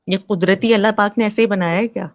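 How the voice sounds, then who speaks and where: Lady interviewer, gravelly voice, dull lo-fi dry audio. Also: mid-range voice, steady tone, no echo. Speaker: interview host. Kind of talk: interview questions.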